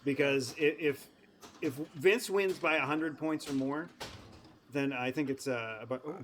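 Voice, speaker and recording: Man, pinball co-commentator, teasing banter, slightly high voice. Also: measured pace, fairly bright tone, slight background noise. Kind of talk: casual live commentary. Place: pinball arcade.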